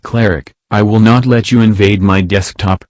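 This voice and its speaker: A man's voice: fairly low pitch, fairly even intonation, normal speed, darkish tone, no echo, clean studio sound, lightly acted. A man voicing a defiant, impatient computer user who mocks a virus in a comedy skit. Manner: mocking, stubborn, theatrical.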